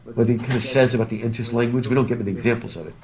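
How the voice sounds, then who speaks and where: A man's voice: mid-range voice, very fast, darkish tone. A man lecturing a live class as a professor, enthusiastic, often asking students questions and restarting his sentences.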